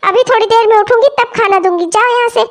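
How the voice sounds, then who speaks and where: A woman's voice: very high-pitched, fast talker. A woman voicing a harsh, quarrelsome young stepmother in a cartoon who scolds everyone. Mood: scolding. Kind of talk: cartoon voice acting.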